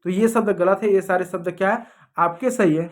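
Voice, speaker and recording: A man's voice: sits high, a little fast. A man teaching English spelling rules in a patient lesson, often repeating examples and asking "okay?". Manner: repeats examples, checks in with "ठीक है". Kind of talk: explanatory lesson over slides.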